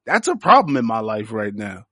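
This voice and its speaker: A man's voice: lowish voice, huge pitch swings, normal speed, sharp tone, dry recording, clean studio sound. A young man hosting a podcast, reviewing a series in a crude, joking, slangy riff full of profanity. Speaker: podcast host.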